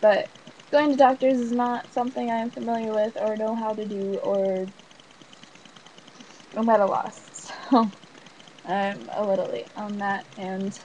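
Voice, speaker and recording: A woman's voice: medium pitch, little pitch movement, measured pace, long pauses, darkish tone, slight background noise, poor audio. A young pregnant woman talking casually on a vlog, rambling with fillers and nervous little laughs. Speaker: vlogger. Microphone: webcam or built-in mic.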